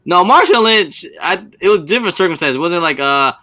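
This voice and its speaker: A man chatting on a video call in a casual group conversation, animated and chatty, often jumping in with questions. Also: sits high, brisk.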